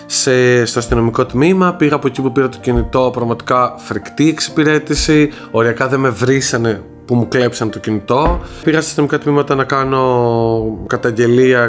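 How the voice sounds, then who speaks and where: Shaken young Greek man vlogging. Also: mid-range voice. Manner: shaken, repetitive, frank retelling. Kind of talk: casual storytelling vlog.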